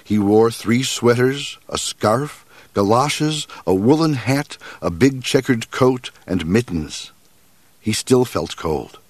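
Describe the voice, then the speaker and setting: A man reading a children's storybook aloud in a measured, expressive way. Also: mid-range voice, dry recording.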